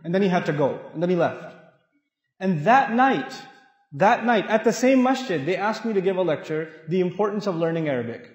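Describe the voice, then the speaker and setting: A middle-aged man from Pakistan giving an animated, humorous Islamic talk to an audience in a large mosque hall, acting out voices as he tells stories. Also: high voice, brisk, dull audio. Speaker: Islamic lecturer. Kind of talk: sermon-style talk with storytelling. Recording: echoey hall with long reverb.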